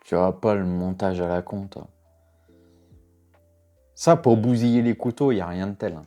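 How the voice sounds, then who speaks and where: A man's voice: low-pitched, moderate pace, dark tone, faint music behind. A knife sharpener giving casual reaction commentary, a man who talks bluntly, swears, laughs often and sounds exasperated.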